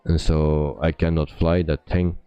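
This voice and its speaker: A man giving casual live-stream commentary as a flight simulator player, with halting, hesitant phrasing. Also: a bass voice, flat delivery, clear, resonant tone, no echo, muffled recording.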